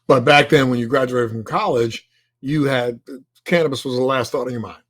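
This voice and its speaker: A man's voice: mid-range voice, moderate pace. A man hosting a podcast interview, eager and friendly, often stacking several rephrased questions in a row. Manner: eager, piles up repeated questions. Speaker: podcast host. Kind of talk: casual interview.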